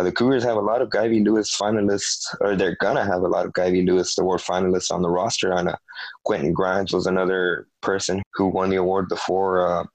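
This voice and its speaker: A young man co-hosting a casual sports podcast, talking in a halting way with many fillers and restarts. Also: sits low, dry recording, low-quality recording. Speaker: podcast co-host.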